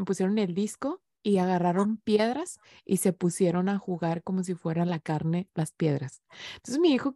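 Warm-toned woman host, dry sound. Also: mid-range voice, dry recording. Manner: heartfelt, rambling with many fillers. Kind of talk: interview conversation.

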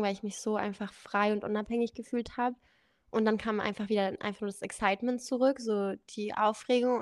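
A young adult woman casually telling a personal story as a podcast guest, lively and acting out the dialogue. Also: on the high side, no echo, clean studio sound. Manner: lively, acts out quoted dialogue.

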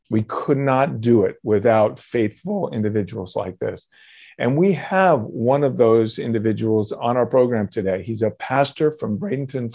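A man's voice: medium pitch, warm tone. A man hosting an interview program, friendly, with many fillers and restarts. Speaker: host.

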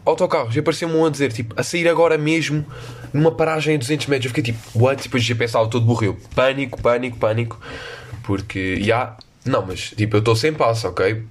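A man's voice: medium pitch, husky. A young man with a European Portuguese accent telling a rambling, self-mocking story in casual, slangy talk. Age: young adult. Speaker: podcast host.

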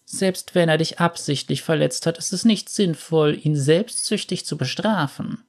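A man voicing a gentle, wise older aunt in a storybook reading, soft and high. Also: measured pace.

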